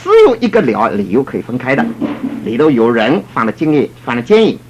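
A middle-aged man, a church elder, telling a story in a sermon in an animated way and acting out the people he quotes. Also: medium pitch, quick pace, noisy background. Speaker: church elder giving a talk.

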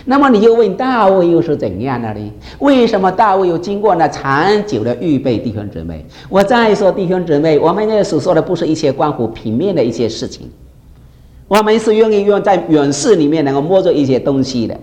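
Animated sermon preacher, lively swooping pitch, emphatic, constant rhetorical questions. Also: a little fast. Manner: keeps asking the congregation rhetorical questions.

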